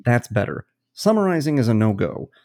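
A man's voice: medium pitch, very animated, a little fast, a little mellow. A man co-hosting a podcast as a game master, explaining his ideas at length in a casual, long-winded way with plenty of worked examples. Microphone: podcast studio mic.

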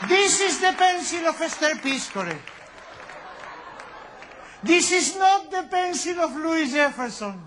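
An actor playing a manic, playful English teacher in a live comedy sketch, drilling silly words and shouting. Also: male voice, extremely high pitch, very animated, takes it slowly, long pauses, some chatter behind, exaggerated voice. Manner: wordplay, mock pronunciation drills, shouting bursts. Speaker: comic stage actor. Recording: live show, audience laughter and noise.

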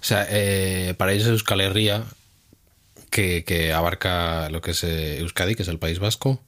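A man's voice: deep voice, steady tone, moderate pace, fairly bright tone. A man from Spain co-hosting a casual chat, explaining at length with hesitations and fillers. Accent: Spanish from Spain. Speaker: co-host.

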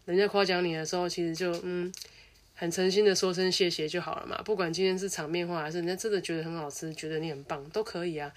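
A woman from Taiwan speaking hosts a casual advice talk. Her voice sits a little low, and her delivery is brisk. She slips into the quoted lines of the people she describes. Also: steady tone. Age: adult who studied abroad. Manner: chatty, acts out quoted dialogue. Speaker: host.

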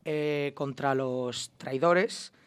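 A man presenting a short lesson segment, speaking slowly and haltingly with many fillers. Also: medium pitch, smooth.

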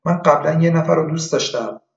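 A woman's voice: deep voice, gravelly, voice pushed up. A man reading a story, voicing a withdrawn, heartbroken woman patient who speaks defensively. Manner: defensive, downcast. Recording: echoey room, dull lo-fi.

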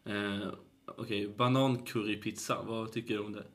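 A man's voice: on the low side, steady tone. A man with a Blekinge accent chatting casually and jokingly as a podcast co-host.

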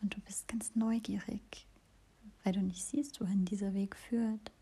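A woman whispers a guided meditation in a slow, soothing hush. Her voice is dark, with a gravelly edge. Breath carries through every word. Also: mid-range voice, steady tone. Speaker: podcast host and meditation guide.

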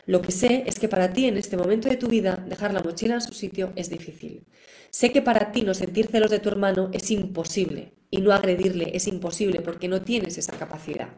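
A woman's voice: mid-range voice, fairly quick, rough recording. A middle-aged woman, teaching parents in a live online class in an encouraging manner. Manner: warm, encouraging, acts out examples. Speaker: parenting educator.

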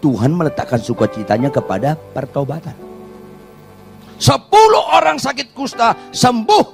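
A male pastor preaching a sermon, animated, swinging from shouts to near-whispers. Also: mid-range voice.

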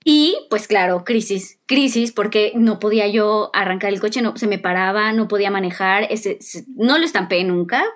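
A woman's voice: mid-range voice, moderate pace, few pauses. A woman, co-hosting a casual podcast chat and acting out the people she quotes. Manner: animated storyteller, acts out quotes. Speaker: podcast co-host.

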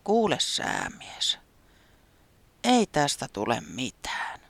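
A storyteller voicing a gloomy, self-doubting sheep painter in a children's storybook, soft and half-whispered. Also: medium pitch, very animated, gravelly, no echo, pitched above the performer's own voice. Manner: mumbling and downcast. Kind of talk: storybook character voice.

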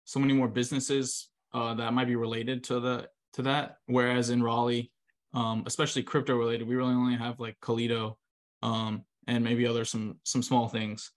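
A man's voice: mid-range voice, flat delivery, normal speed. A man co-hosting a casual interview, asking questions in an informal, tentative way. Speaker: podcast interviewer.

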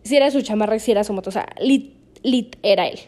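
A woman's voice: medium pitch, fast, a little mellow. A young Mexican woman, a podcast host, telling a personal story in casual chat, laughing often between fillers.

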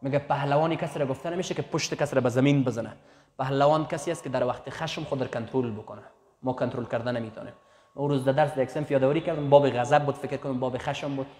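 A man's voice: medium pitch, steady tone, darkish tone. A man preaching a sermon in Persian, repeating phrases for emphasis and raising his voice on key points. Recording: echoey hall with long reverb.

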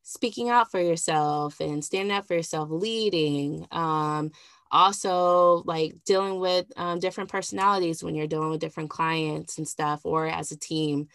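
A woman hosts a casual podcast and introduces her guests. Her voice is very low and gravelly, recorded close and dry. She rambles with lots of fillers. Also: steady tone, normal speed, fairly bright tone, no echo. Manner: rambling, many fillers and likes. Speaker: podcast host.

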